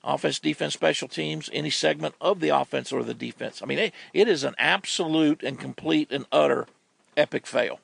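A man's voice: fairly high pitch, normal speed, vocal fry, a bit bright, slightly rough, no echo. A man co-hosting a sports talk show, analysing a football team's play with emphatic, repetitive stresses. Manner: emphatic, repeats words when stressing a point.

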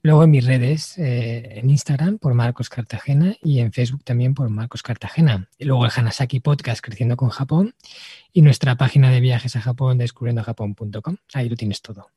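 Guy guesting on a podcast, husky warm voice, dry close sound. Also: mid-range voice, fairly quick, no room sound. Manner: explanatory, uses everyday metaphors. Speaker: guest author on Japanese culture. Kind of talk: casual interview chat.

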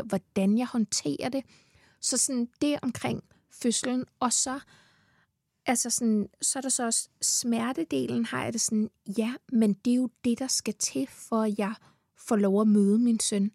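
Gravelly, excited pregnant Danish woman. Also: fairly high pitch, dry recording, clean studio sound. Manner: enthusiastic, swears freely, laughs often. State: heavily pregnant. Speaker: podcast guest. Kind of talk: casual chat. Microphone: studio mic.

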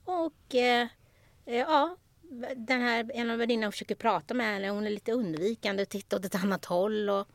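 A woman's voice: fairly high pitch, gravelly, no echo. A woman hosting a podcast, telling a story in casual chat and acting out the people in it. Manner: animated, acts out the people in her story. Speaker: podcast host.

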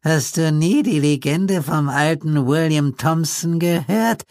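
A man voicing a fidgety old male village drunk in his eighties, with a thin, reedy voice and slow, cackling speech. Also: fairly high pitch, a little mellow, dry recording, studio quality, pitched above the performer's own voice.

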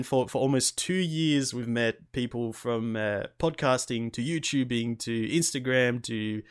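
A man's voice: medium pitch, clear, resonant tone. An enthusiastic man, chatting casually as a podcast host.

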